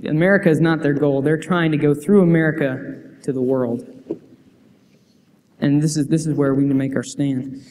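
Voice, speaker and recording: A young adult youth preacher delivers a sermon in an echoing church sanctuary, his voice on the high side, steady, and a little mellow at a normal speed. He pauses often, earnestly reads scripture and quotes aloud, and restarts frequently, with church hall reverb and slight background noise.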